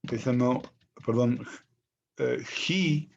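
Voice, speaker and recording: A man teaching a recorded Greek vocabulary lesson, spelling out each pronunciation slowly and carefully. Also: medium pitch, gravelly, darkish tone, muffled recording, a little hiss or hum.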